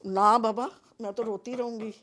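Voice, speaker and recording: A woman's voice: a little high, moderate pace. An older woman, mother of a contestant, chatting in an interview and acting out the dialogue of her stories. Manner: chatty, expressive storyteller who acts out quoted dialogue. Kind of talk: casual interview chat mixing Hindi and English.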